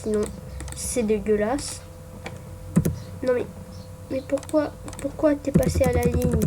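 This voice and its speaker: A young woman giving casual commentary while making a ranking on her computer, hesitant with many fillers and restarts. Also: a little high. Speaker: gaming YouTuber. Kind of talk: casual screen-recorded commentary. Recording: faint background noise with keyboard typing.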